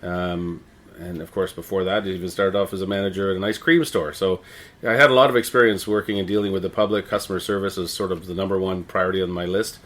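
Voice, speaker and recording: A middle-aged man with a Canadian accent answers interview questions conversationally, in a halting, rambling way with repeated words. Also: sits low, fairly even intonation. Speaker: interviewee, town crier and visitor services manager.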